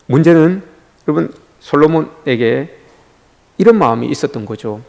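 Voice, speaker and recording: A man preaches a sermon with lively, swooping intonation, his voice sitting a bit high for a man. He drives his points home with emphasis and keeps turning to address the congregation directly. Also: moderate pace, gravelly. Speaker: pastor.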